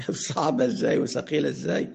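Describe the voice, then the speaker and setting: A man with an Egyptian accent teaching Arabic grammar. He asks questions, answers them himself, and slows down to spell out example sentences. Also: medium pitch, creaky, a little mellow. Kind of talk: explanatory lesson.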